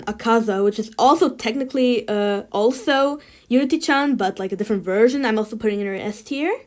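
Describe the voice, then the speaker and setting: A woman's voice: fairly high pitch, darkish tone. A woman ranking things in a tier list, chatting casually and giving blunt opinions with lots of filler words. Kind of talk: casual chat.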